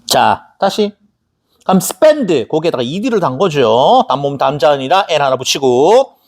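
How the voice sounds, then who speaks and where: A husky male teacher gives a recorded lecture, his pitch leaping up and down as he spells out words in bouncing syllables. He chats with his students and breaks off into joking asides before drilling vocabulary again. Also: very animated, a little slow. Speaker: English teacher. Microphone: camera recording a lecture.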